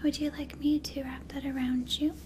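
A young woman playing an attentive, gentle flight attendant in a soft, soothing whispered role-play. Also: high voice, little pitch movement, moderate pace, background noise, natural voice. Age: young adult. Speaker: ASMR performer.

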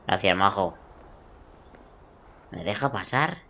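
A man, doing let's play commentary over a video game, jokey and swearing, muttering then suddenly shouting. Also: low-pitched, animated, slow pace, highs cut off, slight background noise. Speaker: gaming video creator.

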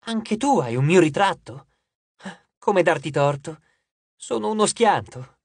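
A man's voice: high-pitched, lively intonation, measured pace, husky, no echo, full character voice. A man voicing a vain young man in an audiobook, talking in a languid, self-admiring way. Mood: smug, dreamy.

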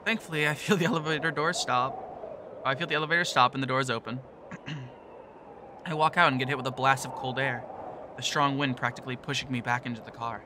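A man's voice: mid-range voice, steady tone, fairly quick, noisy background. A man narrating a visual novel in the first person, in a nervous, self-deprecating tone.

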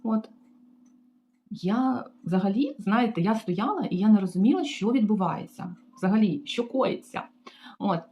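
A woman's voice: mid-range voice, lively intonation, moderate pace, muffled recording, faint music behind. A woman from Ukraine tells a story about her work as a hotel maid in a casual vlog, talking in a chatty way and turning to her viewers with frequent asides. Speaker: vlogger recounting her job as a hotel maid.

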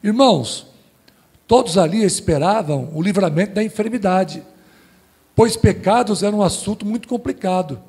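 A male pastor preaching a sermon in a church service, emphatic and rhetorical, moving between loud calls and hushed phrases. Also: high-pitched, moderate pace, husky. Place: church sanctuary during a live service. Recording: long church-hall reverb.

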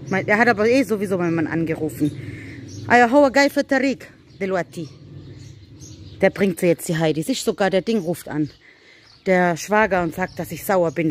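A woman's voice: medium pitch, slight background noise. A woman vlogging casually on a village farm, chatting and coaxing animals while switching between languages. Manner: chatty, switching between German, English and Arabic.

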